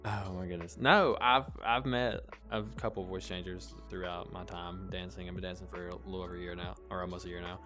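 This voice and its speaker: A man hosting a laid-back chat, his voice a little low and dry in the throat. He sounds forceful and bright, yet relaxed and quick to laugh. The recording is dull and lo-fi, with faint music underneath. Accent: noticeable accent. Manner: relaxed, chatty, laughs often. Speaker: host. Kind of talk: casual chat.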